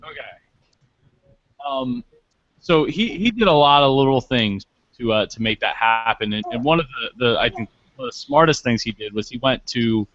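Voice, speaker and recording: A man's voice: medium pitch, lively intonation, moderate pace, a bit bright. A man hosting a casual online round-table discussion, talking in a rambling way with many restarts. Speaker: podcast host. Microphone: online call microphone. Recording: dull lo-fi call audio.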